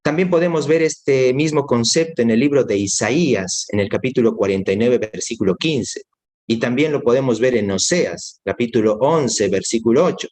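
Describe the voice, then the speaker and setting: A man's voice: mid-range voice, normal speed, darkish tone. A man preaching a sermon in earnest, repeating key phrases and speaking straight to his listener as a brother. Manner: addresses listener directly as brother.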